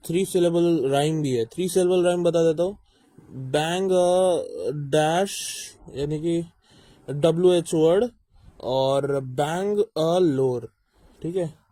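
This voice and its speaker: Speaking a little high in a mellow voice with no room sound, this man hosts a reaction video and unpacks rap lyrics like a relaxed teacher. Fillers and restarts pepper his thinking aloud, he drops in English words, and he often makes sure the audience is keeping up.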